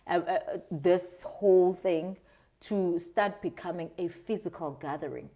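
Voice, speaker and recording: A South African woman with a low-pitched voice answers interview questions conversationally. She speaks in an earnest, expressive way, with the accent of her home country. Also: a little slow. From South Africa, Transkei. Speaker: interview guest, video creator.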